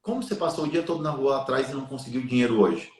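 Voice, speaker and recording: A man's voice: mid-range voice, rapid-fire, roomy sound. A man telling a long personal story in a live chat, drawing a lesson about giving and faith in an earnest, preachy way. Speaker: live stream guest.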